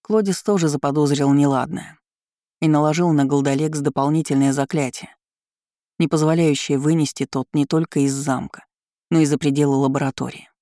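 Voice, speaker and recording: An audiobook narrator giving a scripted, even, measured reading of a fantasy story. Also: medium pitch, dry recording, studio quality.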